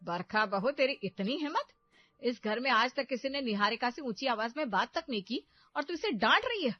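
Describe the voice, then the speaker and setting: A woman voicing a domineering, scheming middle-aged mother in a cartoon story, loud and scolding. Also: medium pitch, moderate pace, dull audio, soft background music, natural voice.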